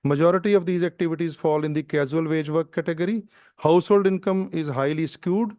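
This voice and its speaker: A man presenting research findings at a seminar, reading in a steady, formal way. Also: on the high side, brisk, no echo. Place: conference room.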